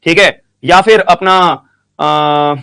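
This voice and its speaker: High-voiced man slowly dictating a law lesson. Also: creaky, pushed and bright, clear, resonant tone. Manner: slow dictation, repeats questions and answers, frequent "ठीक है" checks. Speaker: law teacher. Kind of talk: classroom lecture.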